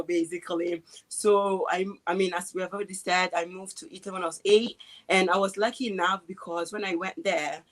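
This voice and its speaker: A young woman in her twenties, from Ghana, talking as a guest on a video call. Her voice sits a little low, and she speaks in an easygoing, halting way full of fillers. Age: 20s. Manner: relaxed, hesitant, with many fillers and restarts. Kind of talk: casual interview chat.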